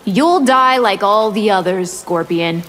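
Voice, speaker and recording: In a video game fight intro, a woman voices a haughty, hungry vampire from another realm, cold, seductive and menacing. Her natural mid-range voice is animated yet measured, heard over loud music in game audio with background noise.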